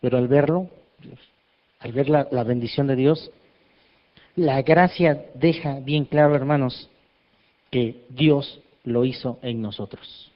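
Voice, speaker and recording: A man preaching as a pastor, lively and joking as he asks the congregation questions. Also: mid-range voice, slow pace, long pauses. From Mexico. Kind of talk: sermon. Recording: dull lo-fi sound.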